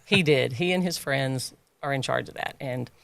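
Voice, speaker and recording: A woman's voice: rumbling low, moderate pace, creaky, no room sound. A woman who owns a gym, chatting in a podcast interview, laughing often and getting emotional about her members. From United States. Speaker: gym owner and trainer.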